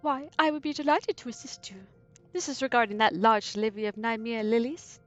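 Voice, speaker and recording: A woman's voice: on the high side, brisk, lo-fi sound, soft background music, natural voice. A woman reading the lines of a polite, formal male guild clerk. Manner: formal, courteous.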